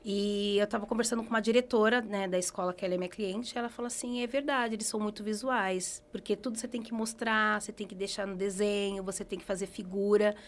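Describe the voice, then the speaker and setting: A Brazilian woman hairdresser, a guest on a beauty podcast, telling stories lively with quick laughs. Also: medium pitch. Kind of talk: casual podcast interview.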